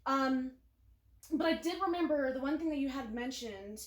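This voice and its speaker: A woman's voice: sits high, moderate pace. A woman hosting a casual interview, chatty and giggly, with plenty of "um"s. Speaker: interview host. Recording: echoey room.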